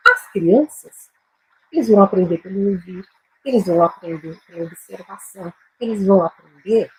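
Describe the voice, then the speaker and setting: A woman with a Brazilian Portuguese accent teaching a live Bible-based English lesson, speaking slowly and emphatically, repeating phrases and often adding tag questions. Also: mid-range voice, breathy edge, poor audio.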